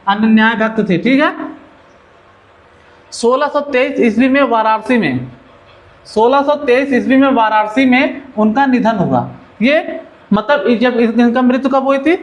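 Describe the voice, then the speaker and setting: A man's voice: extremely high pitch, a bit bright. A male teacher giving an exam-oriented literature lesson, who keeps asking the class questions and answering them himself.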